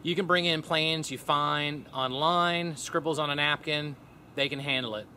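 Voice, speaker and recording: A man talks to camera outdoors beside a pond, giving a scripted real estate update. His voice is bright and slightly high, and he pushes up his pitch on the points that matter. A faint hiss of outdoor air sits under him. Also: normal speed. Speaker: real estate team leader.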